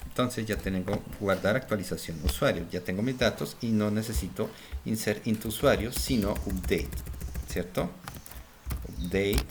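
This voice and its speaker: A man's voice: on the low side, normal speed. A man giving a screen-recorded coding lesson, thinking aloud as he types and often checking in with his viewers. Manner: thinks aloud while typing, frequent "¿cierto?" check-ins. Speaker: programming instructor. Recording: home recording with audible noise. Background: keyboard typing and clicks.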